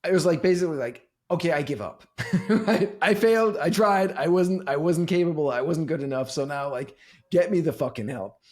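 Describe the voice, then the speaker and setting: A man in his forties, guest on a podcast, telling his story candidly in a halting way, restarting often, with his voice rising and falling widely. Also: animated. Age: 40s. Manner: halting, restarts often, wide swings in pitch and loudness.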